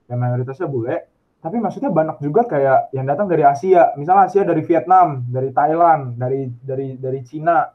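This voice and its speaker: Young male student, from Indonesia, chatty and animated; tinny phone-line sound. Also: on the high side, a little fast. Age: young adult. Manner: chatty, animated storytelling with laughs. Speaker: student abroad. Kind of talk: casual video call chat. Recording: tinny phone-like call audio.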